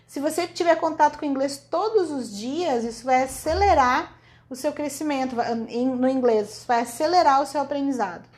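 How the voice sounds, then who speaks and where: A woman's voice: sits high, normal speed, a little mellow. A woman with a Brazilian Portuguese accent giving an informal video lesson as a language teacher, chatty and often checking in with the listener. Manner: chatty, ends phrases with checking "right?" tags. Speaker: English teacher.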